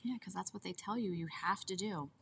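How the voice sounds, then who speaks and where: A woman's voice: mid-range voice, fairly quick, gravelly, slight background noise. A woman who works as an ER nurse, co-hosting a casual podcast, reading out questions and answering bluntly with jokes. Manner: blunt, joking, asks the questions. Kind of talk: casual chat.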